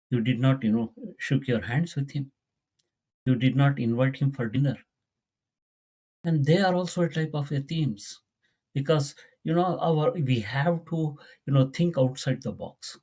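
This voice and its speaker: A man's voice: medium pitch, a little mellow, breathy edge. A man teaching a Quran lesson, earnest and pleading, often repeating his words. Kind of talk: religious lesson.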